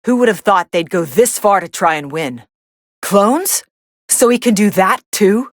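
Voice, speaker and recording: An actress playing a cool, sardonic young female android, commentating on fights in a video game with a deadpan, dismissive delivery. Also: medium pitch, a little slow, no room sound, studio quality, close to an everyday voice. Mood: startled.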